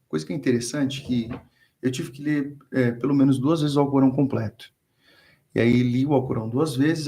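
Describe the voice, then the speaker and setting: A man from Brazil speaks in a relaxed, conversational teaching style. He tells anecdotes and acts out the voices of the people in them. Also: medium pitch. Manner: storytelling, acts out quoted dialogue. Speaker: guest speaker on theology.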